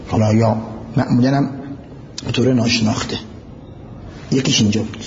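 A man's voice: fairly low pitch, a little mellow, in a large hall, dull audio, slight background noise. A man giving a religious lecture who recites Arabic passages, explains them and puts questions to his listeners. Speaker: preacher.

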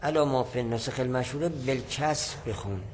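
A man's voice: medium pitch, low-quality recording. Guy lecturing through an old text, keeps repeating and rephrasing, bit of hiss behind. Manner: explains line by line, repeating and rephrasing. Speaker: teacher. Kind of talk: lecturing on a classical Arabic text.

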